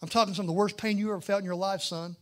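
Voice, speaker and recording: A middle-aged man preaching a sermon, telling a personal story with animated swings from loud bursts to hushed, low lines. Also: racing. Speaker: guest preacher.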